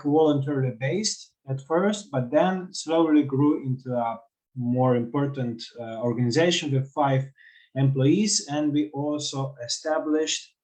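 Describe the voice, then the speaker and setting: A man in his thirties from western Slovenia, with a Slovenian accent and a fairly high, slightly mellow voice, answers as a panelist for a cultural heritage organization. Earnest and explanatory with some halting, he describes its work on a video call. The recording is low quality.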